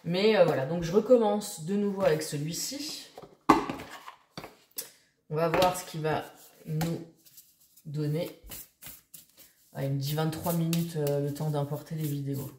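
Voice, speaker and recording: Woman vlogger, low-ish voice, chatty and rambling; roomy echo. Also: unhurried, long pauses, noisy background. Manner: chatty, rambling, many fillers and restarts. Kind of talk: casual chat to camera.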